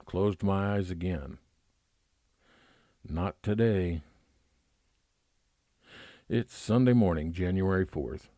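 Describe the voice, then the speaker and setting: A man with a low-pitched, mellow voice plays a weary, nostalgic private investigator, narrating an old-time radio detective drama in a measured, reflective way. The recording is dry, with clean studio sound.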